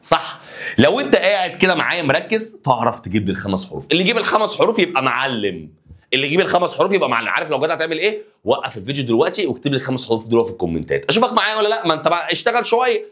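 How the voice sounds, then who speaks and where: Lively Egyptian teacher drilling letters. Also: male voice, fairly high pitch, rapid-fire. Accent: Egyptian Arabic. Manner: lively, drills letters aloud, asks students to repeat. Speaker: Italian language teacher. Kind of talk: casual online lesson.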